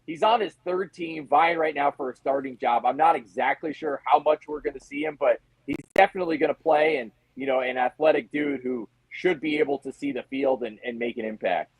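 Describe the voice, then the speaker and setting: A man appears as a guest sports reporter offering casual, conversational analysis full of rhetorical questions and acted-out asides. His fairly high, slightly rough voice moves a little fast with hardly any pauses. The audio is poor, though it has no echo.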